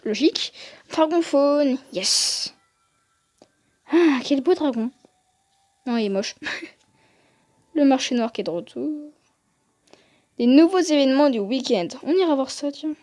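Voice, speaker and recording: A woman's voice: high-pitched, dark tone, no room sound. A woman hosting a gaming video, giving casual, joking, self-mocking commentary into a close microphone. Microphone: desk microphone close up.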